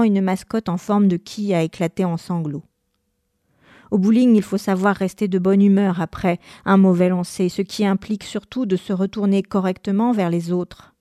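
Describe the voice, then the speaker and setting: Mellow-voiced woman reading a novel aloud. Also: medium pitch, no echo, studio quality. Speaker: reader. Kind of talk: literary reading of a first-person novel.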